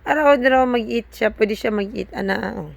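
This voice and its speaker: A woman's voice: fairly high pitch, normal speed, vocal fry, a little hiss or hum. A woman with a Cebuano accent filming a casual home vlog, coaxing her toddler and slipping in simple English words. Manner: coaxing, mixes English words in for a small child. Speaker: parent vlogger. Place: home room.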